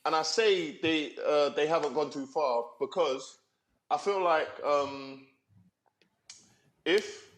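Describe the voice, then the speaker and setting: A man's voice: on the high side, takes it slowly, pauses often. Man, sports panel chat, loose and rambling, echoey room. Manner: loose, many fillers and restarts, storytelling. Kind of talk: casual basketball chat.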